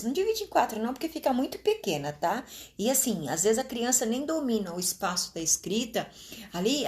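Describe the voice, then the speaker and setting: A woman with a Brazilian Portuguese accent giving an informal talk to fellow teachers, checking in often with quick tag questions and drawing words out slowly for emphasis. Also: mid-range voice. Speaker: teacher trainer.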